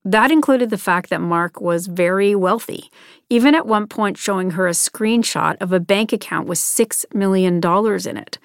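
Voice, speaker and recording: A woman hosting a podcast, giving measured, scripted true-crime narration and interview questions. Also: medium pitch, vocal fry, clean tone, no echo, clean studio sound.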